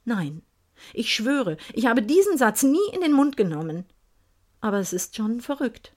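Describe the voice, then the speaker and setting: A proud, teasing young husband, read by a woman. He is jaunty and boastful, and his voice stays close to the reader's own fairly high, unhurried one. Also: very animated. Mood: earnest.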